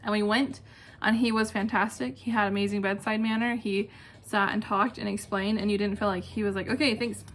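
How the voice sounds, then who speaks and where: Here the channel host, a young adult woman, speaks a little fast in a mid-range, flat voice. It's a casual one-take vlog at home where she fields questions with chatty, self-deprecating humor. Behind her, a ceiling fan clicks and neighbors might be chatting outdoors.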